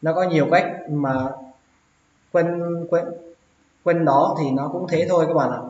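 A man's voice: a little high, unhurried, a little mellow. A man with a Hanoi Vietnamese accent teaches English vocabulary, patiently repeating each word several times. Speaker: English teacher, channel host. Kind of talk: vocabulary lesson. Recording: roomy, dull lo-fi sound.

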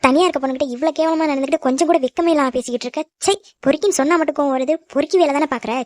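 Fast high Tamil-accented woman for a cartoon dub, sharp scolding delivery, dry close recording. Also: dry recording. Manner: scolding and teasing. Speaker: voice actor in a cartoon. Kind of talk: animated cartoon dub acting.

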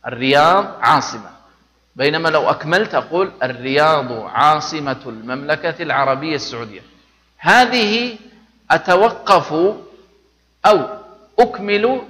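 معلم لغة عربية يشرح القواعد خطوة بخطوة، يطرح الأسئلة على طلابه ثم يجيب عنها بنفسه. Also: male voice, a little high, bright, forceful tone, big-room sound. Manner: explains step by step, asks the class questions and answers them. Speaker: Arabic teacher. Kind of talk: classroom language lesson.

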